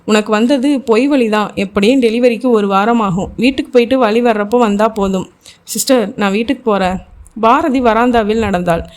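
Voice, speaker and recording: A woman's voice: a little high, moderate pace, darkish tone. Woman narrating a thriller novel. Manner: reads every character's lines in her own voice. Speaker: audiobook narrator. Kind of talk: scripted novel narration with voiced dialogue.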